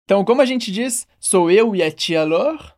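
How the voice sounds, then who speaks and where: A Brazilian woman teaching French in Portuguese, modelling phrases slowly and clearly and asking the listener to repeat after her. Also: medium pitch, lively intonation, darkish tone. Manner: slow, carefully enunciated model phrases. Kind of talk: language lesson with repeat-after-me drills.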